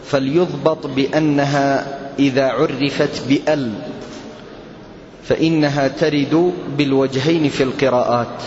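A man teaching a classroom Quran lesson, speaking slowly and deliberately and putting questions to his students. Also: medium pitch, steady tone, darkish tone. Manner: slow, deliberate, quizzing students. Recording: lo-fi echoey hall recording with faint hiss.

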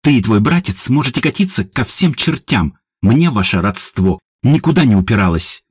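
A man voicing a cheeky, sharp-tongued young woman who mocks her rival. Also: mid-range voice, big pitch swings, moderate pace, breathy edge, dry recording, studio quality. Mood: scornful. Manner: mocking, brash.

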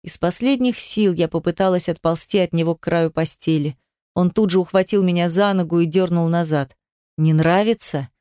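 A woman's voice: fairly low pitch, brisk, darkish tone, smooth, no room sound, studio quality. Woman narrating a tense story. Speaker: audiobook narrator. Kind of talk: first-person dramatic narration.

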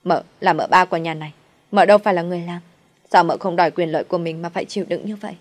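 A woman narrator voices a loyal young maid who pleads and protests. Her voice sits fairly low for the part. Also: steady tone, racing, dry recording, lightly acted. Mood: indignant. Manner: pleading, indignant. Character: loyal, indignant young female servant.

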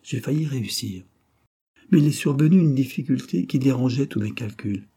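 A man's voice: mid-range voice, lively intonation, normal speed, dark tone, husky, pitched above the performer's own voice. A man reading the part of a resolute young male captive who speaks in an earnest, urgent way.

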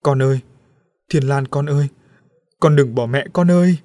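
A man's voice: medium pitch, brisk, darkish tone, no room sound, studio quality, natural voice. A man voicing a grieving middle-aged mother who cries out tearfully in a storybook reading. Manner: wailing, tearful.

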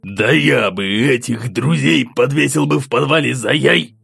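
A gruff, grumbling nobleman father with a gravelly, husky edge, as a male narrator puts him on. His voice swings up and down with lively pitch, and a soft music bed plays under the storybook reading. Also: a little slow, heavily acted. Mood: angry grumbling. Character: gruff angry middle-aged male count, a father.

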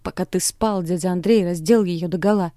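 A woman's voice: on the low side, fairly quick, no echo, clean studio sound, close to an everyday voice. A woman playing a furious defiant daughter. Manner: shouting, voice straining.

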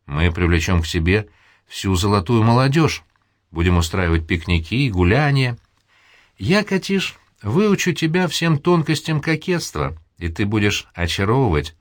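A man's voice: fairly low pitch, sing-song, normal speed, no room sound, studio quality. A man voicing a vain, scheming middle-aged colonel's widow who talks grandly and condescendingly. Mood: condescending, dreamy. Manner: grand, condescending, theatrical sighs.

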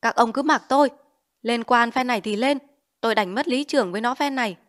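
Woman doing a bossy, shouting village chief. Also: on the high side, a little fast, natural voice. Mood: defiant. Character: hot-tempered middle-aged village chief man.

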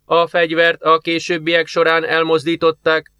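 A man voicing an emotionless ship computer that answers in flat, clipped phrases. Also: on the high side, smooth, no echo, clean studio sound, pitched above the performer's own voice.

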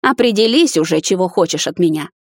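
Woman reading a defiant young witch heroine, audiobook; emotional, fairly low, dry. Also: lively intonation, brisk, a little mellow, husky, dry recording. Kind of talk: audiobook character voice.

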